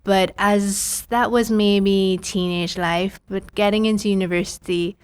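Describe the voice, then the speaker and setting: A woman's voice: medium pitch, steady tone, measured pace, clean tone. A woman in her thirties from Trinidad, a prosthodontist guest telling her story in a chatty podcast interview, often quoting her own past thoughts.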